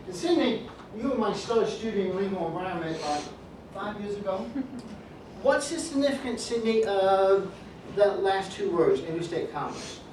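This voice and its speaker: A man's voice: sits high, expressive, normal speed, noisy background. A man teaching a business law class, reading through points and calling on students by name with dry jokes. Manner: joking, calls on students by name. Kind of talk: classroom lecture. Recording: echoey classroom from far off.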